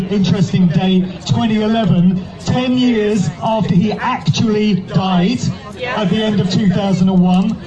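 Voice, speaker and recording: A man from Oxford, giving an impassioned outdoor protest speech through a megaphone, full of rhetorical questions. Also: high-pitched. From England, Oxford. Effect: speaking through a megaphone. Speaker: protest speaker. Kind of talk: rally speech. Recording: distant, muffled rally recording with crowd. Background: crowd and street noise.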